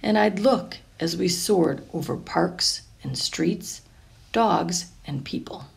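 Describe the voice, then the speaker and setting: Creaky-voiced woman reading a picture book. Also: fairly low pitch, slow. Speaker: storybook reader.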